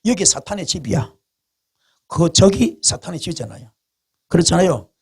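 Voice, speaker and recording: A man preaching a revival sermon with a gravelly, husky voice that rises and falls sharply. He talks in a plain, everyday way and tells stories, repeating his phrases for emphasis. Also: fairly high pitch, moderate pace. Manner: colloquial, animated storytelling with repetition. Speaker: pastor.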